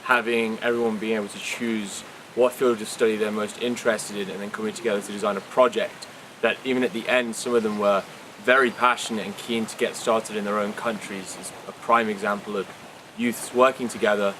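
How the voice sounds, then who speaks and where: A man's voice: fairly low pitch, fairly even intonation, a little fast, noisy background. A twenty-year-old man from England, a medical student, speaking fluently and enthusiastically in an interview. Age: 20s. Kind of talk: outdoor interview answers.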